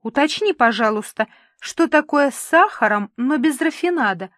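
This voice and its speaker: A woman's voice: high-pitched, lively intonation, a bit bright, no echo, pitched above the performer's own voice. A woman voicing a flustered young female studio administrator who coaxes and snaps back. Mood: coaxing. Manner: coaxing, cajoling, quick to snap back.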